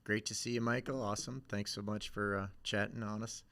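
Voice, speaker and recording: A man's voice: fairly low pitch, fairly even intonation, fairly quick, pushed and bright. A man from Iowa hosting a casual live-stream interview, jokey and self-deprecating. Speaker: interviewer and host.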